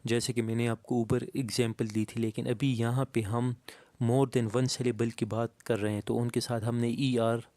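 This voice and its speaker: A man teaching English grammar, explaining slowly and reading each example sentence aloud word by word. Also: mid-range voice, flat delivery, dark tone, no echo. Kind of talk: explaining a lesson to students.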